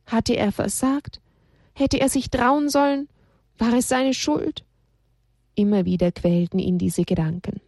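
Slow, husky woman reading a story. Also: a little high, a little mellow, no room sound, clean studio sound. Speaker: narrator.

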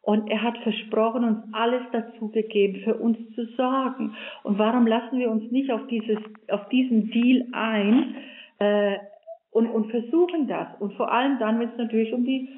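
A woman's voice: a little high, moderate pace. Earnest older woman on a tinny phone line. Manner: earnest, animated storytelling with many fillers. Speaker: guest, religious sister and author. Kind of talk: storytelling in a radio interview.

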